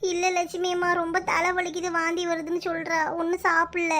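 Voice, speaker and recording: Woman doing a cartoon young village woman, anxious, pleading, Kanyakumari Tamil accent, very high pitch. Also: completely flat delivery, a little fast. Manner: worried, pleading, soft-spoken. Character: young woman caring for her feverish sister, anxious and tearful.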